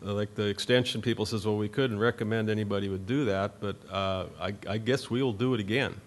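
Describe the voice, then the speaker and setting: A middle-aged farmer from North Dakota speaks at a meeting-room podium, his voice sitting on the low side. He talks plainly and loosely, circling back with fillers and restarts. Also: fairly even intonation, a little fast. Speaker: farmer panelist. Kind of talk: conference panel talk.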